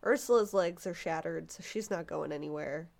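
A woman co-hosting a podcast, telling a disturbing story in a casual, animated way, stumbling over words and acting out quotes. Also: on the low side, normal speed, vocal fry.

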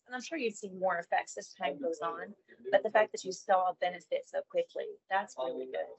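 A woman's voice: on the low side, brisk, breathy edge, no echo. A woman co-hosting a podcast, chatting in an upbeat, nerdy way. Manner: chatty and upbeat, calls herself a nerd. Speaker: podcast co-host. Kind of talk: casual chat. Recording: dull lo-fi sound.

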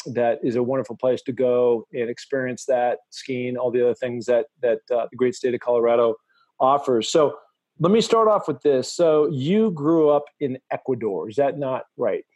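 Male podcast host, middle-aged, enthusiastic, mid-pitched, dry home-studio sound. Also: moderate pace, a little mellow, no echo. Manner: upbeat, enthusiastic, frequent restarts. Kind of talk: casual podcast talk.

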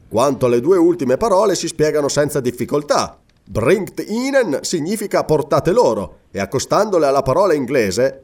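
Man voicing a earnest sea captain, patient explainer, lively storybook reading. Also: on the high side, voice pushed up.

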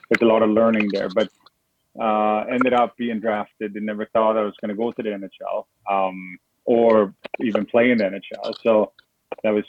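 A middle-aged man from Sweden, chatting as a guest in an interview and rambling with many fillers and restarts. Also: on the low side. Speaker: guest, foundation founder. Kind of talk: casual interview over a call. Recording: tinny phone-like line with noise.

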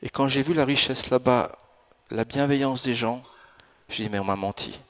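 A pastor in his fifties preaching a sermon in a church, with an animated delivery that rises into emphatic bursts. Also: mid-range voice, normal speed. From France and Italy. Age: 50s. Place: church in Alsace.

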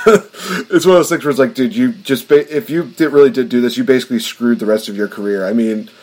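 A man's voice: mid-range voice, fairly quick, darkish tone. A man hosting a casual podcast, rambling through his points with lots of fillers. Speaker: podcast host.

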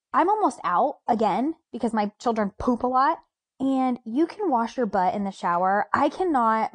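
A woman's voice: mid-range voice, no room sound. A young woman co-hosting a chat podcast, telling exasperated stories about her toddlers. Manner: animated, exasperated storytelling. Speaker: podcast co-host. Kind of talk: casual chat.

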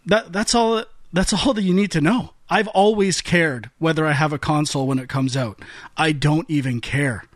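A man's voice: fairly high pitch, normal speed, no echo. Fired-up man ranting on a podcast. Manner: fired-up, ranting, stumbling restarts. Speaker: podcast co-host. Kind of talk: heated casual debate.

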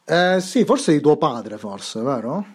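Brief: male podcast host, slightly high voice, rough-edged, rambling, lots of "eh" and "diciamo". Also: big pitch swings, slow, a little mellow. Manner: rambling, many fillers and restarts. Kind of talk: casual podcast chat.

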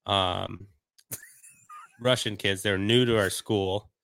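Laid-back storytelling man, low voice. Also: steady tone, slow, gravelly, fairly bright tone. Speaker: podcast co-host. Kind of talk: casual chat.

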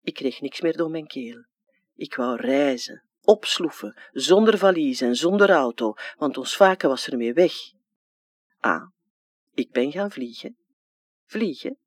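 A childlike, wistful dead man with a Flemish accent, as a reader puts him on. His plain dialect talk leaps high and drops low in lively swings. The sound is dry and close, with no room around it. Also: unhurried, slightly rough, no room sound. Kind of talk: dramatic literary reading.

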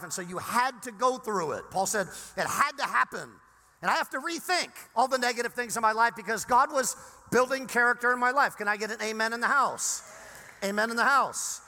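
A high, very bright male voice delivers a lively sermon, pushing hard on key words and then dropping almost to a whisper. He is a pastor preaching in a large church hall, and the sound rings with long reverb. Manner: animated preaching, swinging between loud emphasis and near-whispers.

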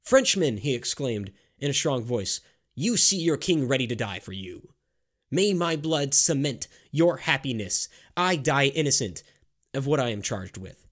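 A man reading the lines of a condemned king, proud and firm, in a measured, solemn way. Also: mid-range voice, lively intonation, fairly bright tone. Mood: defiant.

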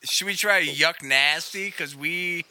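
A man's voice: on the high side, takes it slowly, pushed and bright. A man chatting casually on a voice call, laughing and easygoing. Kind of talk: casual gaming chat.

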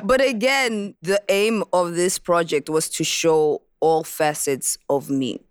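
A woman recording artist from Botswana, telling in an interview, in a reflective and animated way, how she wrote a song. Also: fairly low pitch, takes it slowly, clear, resonant tone, no room sound, studio quality. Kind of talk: interview about making a song.

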